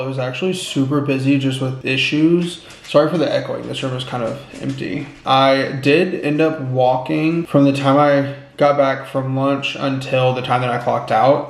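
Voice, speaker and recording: A man with a gravelly, creaky edge chats casually and rambles about his day. His voice rings around a sparsely furnished room, so every phrase carries a hollow echo. The camera sits propped on a window ledge a little way off. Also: mid-range voice. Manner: rambling, chatty, relaxed. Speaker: vlogger. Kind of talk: casual day-in-the-life chat. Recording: echoey sound of a nearly empty room.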